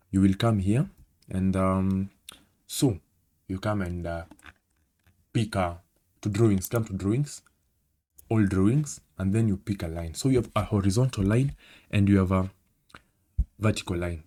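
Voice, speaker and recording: Kenyan guy walking through a trading tutorial, lowish mellow voice, keeps saying okay. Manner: conversational, many fillers, checks in with "okay?". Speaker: trading instructor. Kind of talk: screen-recorded tutorial.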